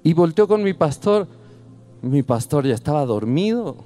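A man with a somewhat high voice preaches a sermon. He moves from easy, conversational storytelling to fervent calls to the congregation. Faint music plays underneath. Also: very animated, moderate pace, mellow.

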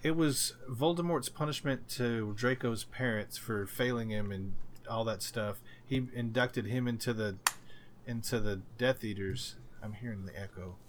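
A man co-hosting a podcast in casual chat, rambling and halting, often restarting his thoughts. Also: mid-range voice, a little hiss or hum. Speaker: podcast co-host.

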